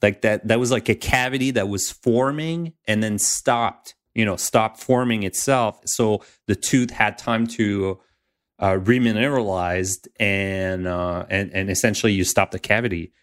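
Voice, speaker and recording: A man's voice: fairly low pitch, steady tone, a little slow, clean tone. A man chatting casually on a podcast, telling rambling personal anecdotes.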